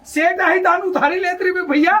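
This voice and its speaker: High-voiced grumbling Chhattisgarhi shop servant, played by a man. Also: fairly even intonation, moderate pace, noisy background. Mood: exasperated, dismissive. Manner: grumbling, repetitive, dismissive. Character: exasperated male village shop servant minding credit accounts. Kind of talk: amateur village comedy skit acting.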